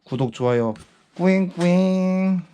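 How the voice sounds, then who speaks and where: Slight background noise accompanies a man in his forties with a high-pitched, mellow voice and measured pace. Packing parcels for his small online shop in an indoor workspace, he rambles casually, musing aloud and sighing from time to time.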